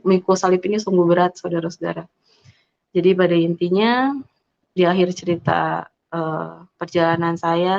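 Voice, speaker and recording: A woman with a somewhat low voice gives a personal faith testimony. She talks earnestly and directly to her listeners, pausing on fillers and restarting her sentences. The recording sounds dull and lo-fi. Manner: earnest, addresses listeners as brothers and sisters; halting, with many fillers and self-corrections. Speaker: testimony speaker.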